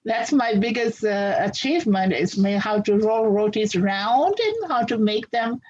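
Woman from Fiji, husky voice. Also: medium pitch, lively intonation, a little slow, darkish tone, dull audio. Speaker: interview guest. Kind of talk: casual interview answers.

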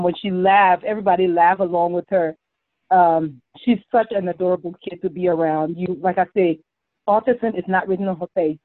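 A woman's voice: lowish voice, dry recording. A woman, a mother who is a guest on a podcast, chatting casually and telling stories, laughing often. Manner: warm storytelling, laughs often. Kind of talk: casual interview chat. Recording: tinny phone-like line, dry.

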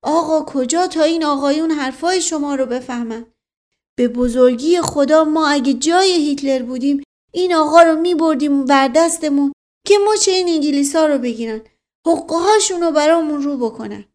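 A woman's voice: sits high, pitched above the performer's own voice, close to an everyday voice. A woman doing a chatty folksy old servant. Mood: excited. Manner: excited, rustic.

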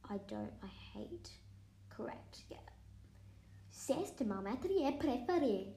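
This young woman, a student, speaks slowly with a dark tone and a voice on the high side that swings widely in pitch. Recorded in an echoey room, she talks casually for a vlog, quizzing herself aloud and occasionally whispering.

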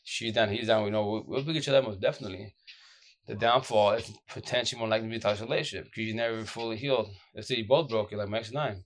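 Racing through his words, a social media advice streamer speaks in a low, groggy tone that sounds sleep-deprived. He's casual and improvised with his followers, blunt and slangy, looping back over the same brief phrases.

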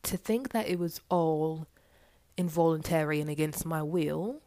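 A woman's voice: low-pitched, unhurried, dark tone, dry recording. A woman voicing an overwhelmed young waitress who talks in an earnest, rambling way. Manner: earnest, rambling, swears when annoyed.

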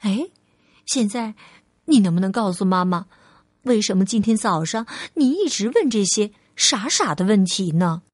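A woman doing a calm, loving storybook mother. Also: moderate pace, no echo, studio quality, lightly acted. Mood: reassuring. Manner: gentle, reassuring, lowered voice.

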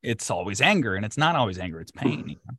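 A man's voice: on the low side, sing-song, fast talker, pushed and bright, slightly rough, no echo. A man conducting a casual, conversational interview in an effusive, encouraging manner.

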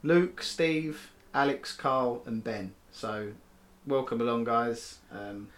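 A man's voice: mid-range voice, slow pace. Chatty man co-hosting a podcast. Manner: chatty, self-mocking, many fillers. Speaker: podcast co-host. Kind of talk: casual podcast chat.

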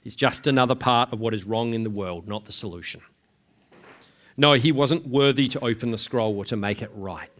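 A man's voice: medium pitch, normal speed, fairly bright tone. A man preaching a sermon in a conversational way, asking rhetorical questions and often restarting his sentences. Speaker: pastor.

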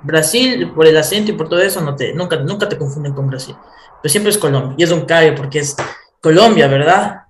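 Here the Ecuadorian-accented guest talks fast in a slightly high voice, laughing as he shares stories in a relaxed conversation. There's slight background noise, and the room gives the recording an echo.

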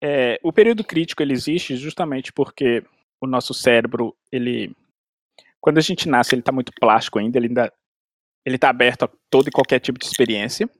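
A man appears as a language expert guest, chatting casually about language learning with everyday analogies, acted-out inner dialogue and frequent restarts. His medium-pitched voice is brisk, and the clean studio sound has no echo.

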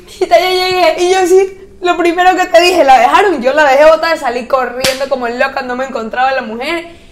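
High-voiced animated young woman storyteller. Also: brisk, a little hiss or hum. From Ecuador. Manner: animated, laughs often, acts out voices in her story. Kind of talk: casual storytelling chat.

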